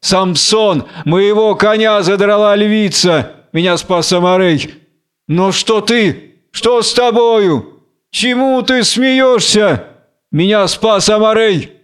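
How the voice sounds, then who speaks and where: A frightened warrior companion, as a male reader puts him on, pressing urgently and anxiously. The voice sits high, smooth and resonant, with a steady audiobook-drama delivery. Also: slow pace.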